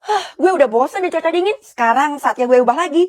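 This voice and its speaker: A woman's voice: high voice, lively intonation, fast talker. A young woman narrating her own comedic skit in a casual, chatty inner-monologue style.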